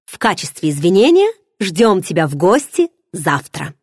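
A woman's voice: fairly low pitch, big pitch swings, normal speed, slightly rough, no room sound, studio quality, exaggerated voice. A woman voicing a playful, nosy young pregnant friend who teases with pushy questions. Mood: teasing. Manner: teasing, bubbly, pushy questions.

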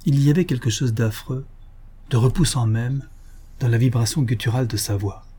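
A man reading a classic novel aloud as an audiobook narrator, with measured, steady storytelling. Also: mid-range voice, slightly rough. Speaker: audiobook reader.

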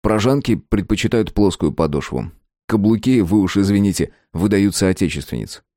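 A man voicing a polite, helpful young man who speaks in a courteous, even way. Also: on the low side, moderate pace, no echo, clean studio sound, natural voice.

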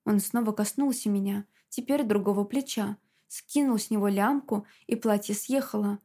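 A woman's voice: medium pitch, moderate pace, dark tone. A woman reading a dramatic first-person audiobook story in a tense manner. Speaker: audiobook narrator.

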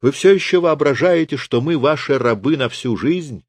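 A man's voice: on the high side, animated, normal speed, darkish tone, dry recording, pitched above the performer's own voice. Man doing a brash, scornful young man. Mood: mocking. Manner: scornful and theatrical. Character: brash young man mocking his old teacher.

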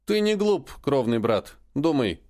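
A man voicing a stern alien rebel leader who speaks in a cold, grim, measured way. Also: mid-range voice, sing-song, a little mellow.

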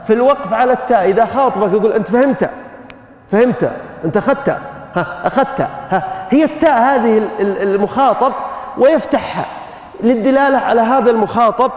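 A man's voice: high-pitched, a little mellow, roomy sound, long reverb tail. A man teaching grammar in a classroom lecture, questioning his students as he explains.

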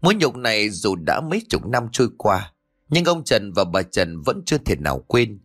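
A man's voice: lowish voice, big pitch swings, normal speed, fairly bright tone. A man reading a dramatic story as audiobook narrator, in a storytelling manner.

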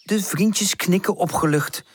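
A woman narrating a children's storybook in an expressive manner. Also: lowish voice, a little slow, breathy edge, no echo. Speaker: audiobook narrator.

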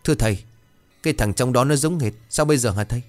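A man's voice: medium pitch, fast talker, faint music behind, pitched above the performer's own voice, lightly acted. A man voicing a jumpy, blunt young male apprentice in a ghost storybook. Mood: nervous teasing. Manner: blurting, teasing.

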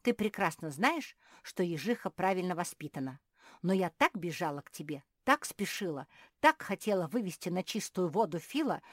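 A woman voicing a fussy, breathless mother hedgehog in a children's audiobook, with an excited, flustered manner. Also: fairly low pitch, no echo, clean studio sound.

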